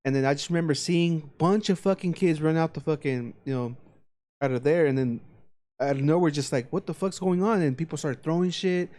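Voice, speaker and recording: A man's voice: fairly high pitch, fairly quick, a little mellow. A man in his thirties co-hosting a casual podcast and telling rambling, profane stories. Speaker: podcast co-host. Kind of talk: casual drunken chat.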